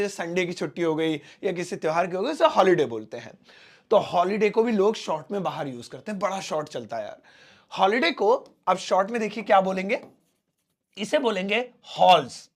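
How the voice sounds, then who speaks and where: A man teaching a spoken English lesson, explaining slowly and repeating each word with everyday examples. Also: high voice.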